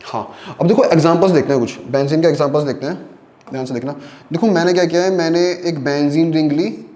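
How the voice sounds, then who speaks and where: A man's voice: a little high, fast talker, warm tone. Hindi-speaking male teacher, echoey room. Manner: explains step by step with repeated check-in questions. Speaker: chemistry teacher. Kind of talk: online lecture.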